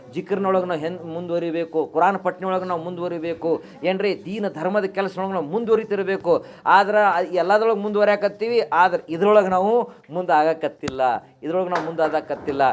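Male preacher, rather high voice, rhetorical sermon delivery. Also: a little hiss or hum. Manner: rhetorical questions answered himself, chants verses.

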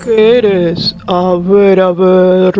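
A woman's voice: fairly low pitch, fairly even intonation, lo-fi sound, music in the background. A woman voicing a huge clever male shark who teases a little octopus. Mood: sly teasing. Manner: slow, drawn-out teasing.

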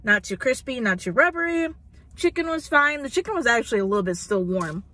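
A food vlogger in her twenties, speaking a little high with a sing-song lilt, a brisk pace, and a sharp tone, reviews food from a parked car. A dashboard phone camera records her chatty, "like"- and "um"-filled talk.

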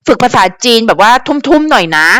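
A woman hosts a casual celebrity commentary channel and gives viewers advice in a loose, chatty ramble full of fillers. Her voice is smooth and crisp and sits a bit high. The recording is close and dry. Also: lively intonation, fast talker, a bit bright, no echo. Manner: chatty, frequent fillers and repetitions; advisory, talks directly to viewers.

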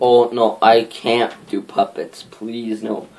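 A man's voice: fairly low pitch, flat delivery, takes it slowly, darkish tone. A man vlogging at home on a handheld camera, rambling with fillers and sounding easily frightened. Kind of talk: casual vlog reaction. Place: indoors at home, in a dim room. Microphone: handheld camera mic.

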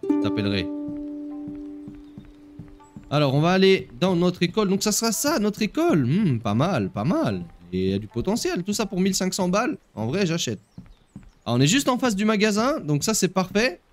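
A man's voice: high-pitched, sing-song, brisk, faint music behind. A man hosting a let's play, commenting on the game in a playful, joking way. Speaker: gaming video host.

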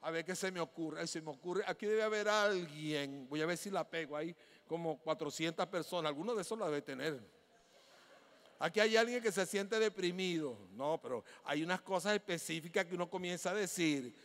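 A man's voice: fairly high pitch, moderate pace, big-room sound. A middle-aged man with a Venezuelan accent preaching a sermon as pastor, telling stories and acting out the dialogue. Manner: animated storytelling, acting out dialogue. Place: church hall.

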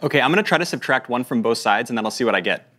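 A man speaking in a live product demo, playful and quick as he talks to an AI. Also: medium pitch, expressive, bright, forceful tone.

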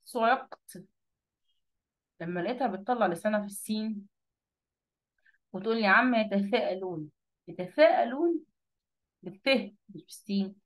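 A woman with an Egyptian Arabic accent teaching a religion class online, stretching out sounds as she demonstrates how to pronounce them. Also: medium pitch. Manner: lively, drawn-out pronunciation demonstrations.

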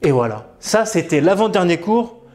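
A man's voice: high voice, sing-song, normal speed, a little mellow. A male reading teacher giving a patient bilingual lesson. He repeats each word and checks for understanding.

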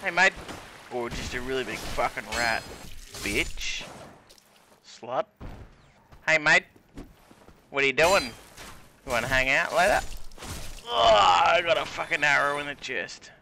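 A man's voice: fairly high pitch, expressive, measured pace, gravelly, long pauses, a little hiss or hum. Rowdy swearing gamer man. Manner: loud, swearing, laughing outbursts. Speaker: gaming channel host. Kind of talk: drunken gameplay commentary.

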